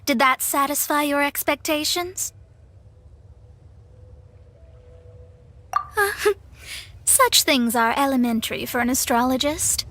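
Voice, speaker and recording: Young female stargazer, haughty, theatrical game character, crisp formal phrasing, high-pitched, bright tone. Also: a little slow, slight background noise. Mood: smug. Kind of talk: video game voice acting.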